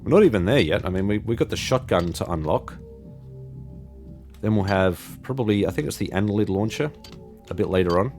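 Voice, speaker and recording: A man with a low voice commentates casually on a game as he plays. He keeps up a wry, chatty stream of self-talk, with soft game music underneath. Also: expressive, brisk, long pauses. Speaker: video game longplay host.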